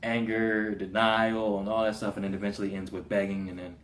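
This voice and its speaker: A man giving a casual spoken review of a TV episode, slangy and animated, slipping into voices for the characters. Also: fairly low pitch, brisk, a little hiss or hum. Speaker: TV show reviewer. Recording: roomy echo.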